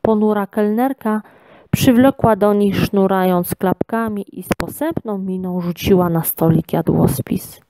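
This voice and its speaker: A woman reading a children's storybook aloud in an expressive, measured way. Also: medium pitch, background noise. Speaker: reader.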